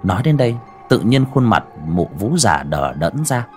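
A man's voice: lowish voice, very animated, normal speed, a little mellow, soft background music. A man narrating a horror audiobook with dramatic storytelling.

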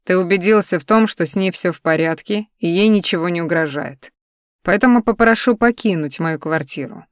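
A woman reading a storybook voices a cold, domineering man who owns the flat, slow and clipped in his commands. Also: lowish voice, dry recording, clean studio sound, lightly acted.

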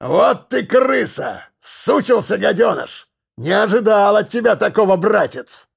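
A man's voice: sits high, lively intonation, unhurried, creaky, slightly rough, pitched above the performer's own voice, heavily acted. A man voicing a menacing male convict gang leader who growls his threats in coarse prison slang, in an audiobook. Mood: furious. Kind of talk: audiobook character voice.

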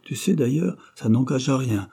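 A man's voice: mid-range voice, lively intonation, normal speed, vocal fry, warm tone, slightly rough, pitched above the performer's own voice. A man reading an audiobook, voicing a smug young journalist with glib, teasing banter.

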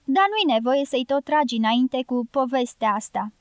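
A woman's voice: sits high, lively intonation, no echo, clean studio sound. A woman reading the part of a grieving, ashamed young man who was once a bullfighter. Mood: ashamed sad. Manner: sad, ashamed, subdued. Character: grieving young male former bullfighter, shy.

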